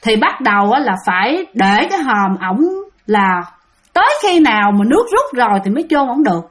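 A woman's voice: on the high side, sing-song, normal speed. A woman with a Southern Vietnamese accent telling a ghost story casually, chatting to her listeners as she goes. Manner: chatty, keeps addressing listeners.

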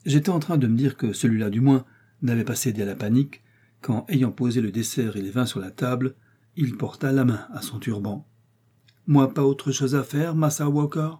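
Dark, husky male audiobook narrator. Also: mid-range voice, fairly quick. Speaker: audiobook reader. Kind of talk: scripted literary narration.

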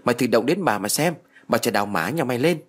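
A man voicing a spiteful, foul-mouthed old village woman who curses and wails in a shrill voice. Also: expressive, fast, close to an everyday voice. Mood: cursing. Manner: shrill, cursing, wailing.

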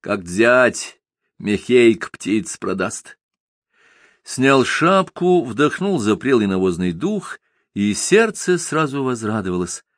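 A man narrating a literary story in a measured, expressive storytelling manner. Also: medium pitch, no echo, studio quality. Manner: measured storyteller, lively intonation. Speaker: audiobook narrator.

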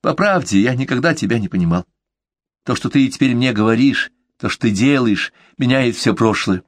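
A man voicing an anxious young man who earnestly pleads with his lover, speaking in a raised pitch. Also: expressive, moderate pace, natural voice. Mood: pleading. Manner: earnest, imploring.

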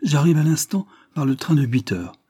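A man voicing a composed, kindly gentleman lawyer in a storybook reading, with measured, polite delivery. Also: on the high side, sing-song, slightly rough, no room sound, clean studio sound, pitched above the performer's own voice. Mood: courteous.

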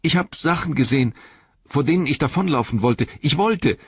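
A man voicing a frightened young male hobbit who stammers and pleads in a shrill voice. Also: expressive, normal speed, husky, no echo, dull audio. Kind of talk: audiobook character voice.

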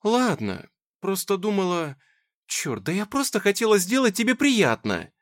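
A man voicing an eager, excitable young woman anxious to please. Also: high-pitched, moderate pace, voice pushed up. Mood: excited. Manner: bubbly, excitable.

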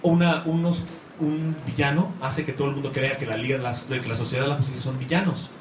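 A man's voice: mid-range voice, fairly even intonation, fast. A man giving an enthusiastic talk about comics to a live audience, rambling and searching for words. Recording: echoey room, faint noise.

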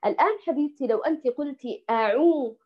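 A woman teaching Quran recitation. She models each letter sound slowly and carefully and puts questions straight to her students. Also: sits high, lo-fi sound. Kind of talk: tajweed lesson, demonstrating sounds.

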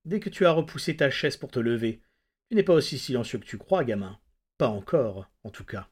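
A sly, menacing old former Nazi, voiced by a man reading a story aloud. He speaks softly and calculatingly, with quiet mocking menace, at an ordinary pitch. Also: sing-song, brisk, husky. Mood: quietly menacing.

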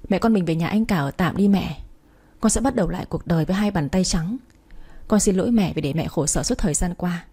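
A young man worn down and sorry, sighing through his apologies, read by a woman. The voice is mellow and dark with a husky grain in this storybook reading. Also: lowish voice, a little fast. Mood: resigned.

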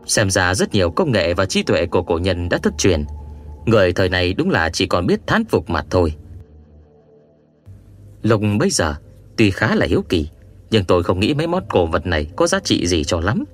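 A man reading an adventure audiobook aloud in a measured, expressive first-person storytelling manner. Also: low-pitched. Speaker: audiobook narrator. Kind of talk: scripted first-person narration.

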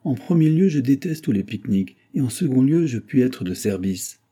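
A man's voice: mid-range voice, animated, brisk, mellow, breathy edge, voice pushed up. Man doing a sullen young sub-lieutenant. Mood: grumpy. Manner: curt, grumbling.

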